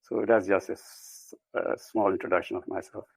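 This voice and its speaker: A man from Ghana introduces himself as a podcast guest. His voice sits low with a gravelly edge, and it is recorded close and dry. He tells his story in a steady, plain way. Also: normal speed, no echo, poor audio. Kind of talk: conversational self-introduction.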